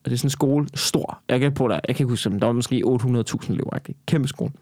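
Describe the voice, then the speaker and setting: A man's voice: medium pitch, darkish tone, dry recording, studio quality. A young man in casual conversation, telling a long personal story in a rambling way, with many restarts and some swearing.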